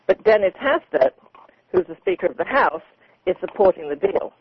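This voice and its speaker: A woman's voice: medium pitch, big pitch swings, moderate pace, husky, no room sound. A woman correspondent reporting live on radio over a landline home phone, thinking aloud with many ums and restarts. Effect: heard over a landline home phone. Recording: crackly narrow landline phone audio.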